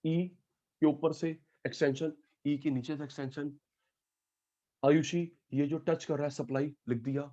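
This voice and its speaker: A man's voice: fairly high pitch, steady tone, moderate pace, mellow, lo-fi sound. Male teacher calling on his students. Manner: calls out student names, repeats key terms. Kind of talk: online class teaching.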